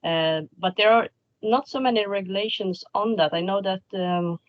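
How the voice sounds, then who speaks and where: Panel guest, mid pitch, halting and searching for words, muffled dry call audio. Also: dry recording. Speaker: panel guest answering a question.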